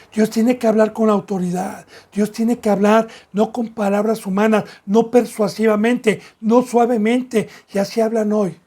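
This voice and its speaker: A man's voice: high-pitched, warm tone. A man with a Mexican accent preaching a sermon as pastor, with emphatic, repetitive phrasing that rises in bursts.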